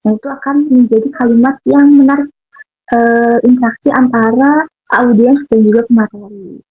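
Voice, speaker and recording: A woman's voice: fairly high pitch, steady tone, moderate pace. A young woman, a university student, giving casual public speaking tips in a chatty way, with frequent fillers. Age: young adult. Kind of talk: casual instructional talk. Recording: tinny phone-like sound with faint music.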